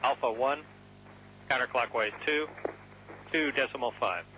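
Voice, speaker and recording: A man's voice: mid-range voice, unhurried. A man working as a mission control communicator, speaking in clipped call signs and phonetic letters over a radio. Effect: radio transmission. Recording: noisy, buzzing radio link.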